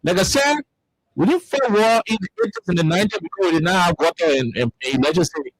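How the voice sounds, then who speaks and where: A man's voice: high voice, expressive, fast, poor audio. A man with a Liberian English accent, hosting a heated political panel talk and repeating words as he presses his points. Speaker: talk show host.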